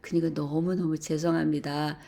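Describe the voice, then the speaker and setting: A middle-aged woman telling a personal story to a church group, animated and full of hesitant fillers. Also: low voice, normal speed, gravelly. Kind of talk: casual storytelling.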